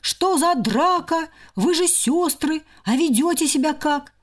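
High, sharp little hamster boy in a storybook, bossy and stern, done by a woman reader. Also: lively intonation, a little slow. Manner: shouts commands sternly. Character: fussy young male hamster, bespectacled, bossy peacemaker.

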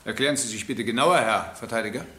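A man's voice: medium pitch, fast talker, sharp tone, natural voice. A man playing a stern presiding judge in a roomy old radio play. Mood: formal. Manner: formal, commanding. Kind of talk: 1960s radio drama acting.

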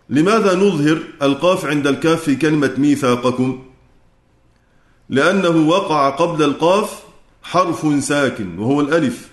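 Egyptian man teaching recitation, echoey room. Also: on the high side. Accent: Egyptian Arabic. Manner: explains step by step, checks in with students, chants verse slowly. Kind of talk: lecture explaining a classical poem.

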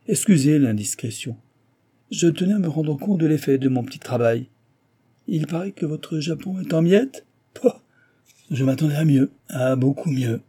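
A man's voice: a little high, warm tone, slightly rough, pitched above the performer's own voice. A man voicing a gleeful, mocking older American engineer who sneers at his rival. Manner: sneering, sarcastic.

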